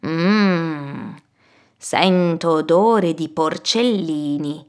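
A woman voicing a hungry, sly male wolf in a children's storybook, low and drawn out. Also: clean tone. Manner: slow, low, drawn-out menacing voice.

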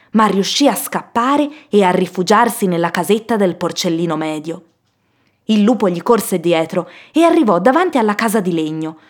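Lively woman reading a children's story. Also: medium pitch. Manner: lively, expressive telling.

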